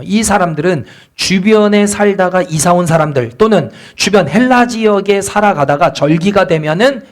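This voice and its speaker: Guy pastor with a pretty high voice, preaching in church, throws questions at the crowd. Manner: asks the congregation rhetorical questions; acts out complaining church members in quotes. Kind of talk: sermon. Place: church sanctuary.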